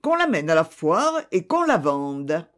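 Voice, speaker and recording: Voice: mid-range voice, very animated, measured pace, fairly bright tone. A storyteller voicing a practical, matter-of-fact farmer's wife speaking to her daughter. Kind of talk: storybook reading.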